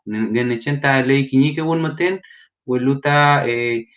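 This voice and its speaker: Male guest, very slow and hesitant, mid-pitched, muffled lo-fi call sound. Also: a bit bright. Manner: hesitant, with many pauses and fillers. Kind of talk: casual interview answer. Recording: dull lo-fi sound.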